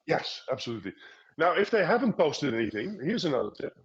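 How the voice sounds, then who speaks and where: A man's voice: fairly high pitch, very animated, fast, breathy edge, dull audio. A man answering questions as a guest expert in a live online session, often repeating words as he explains.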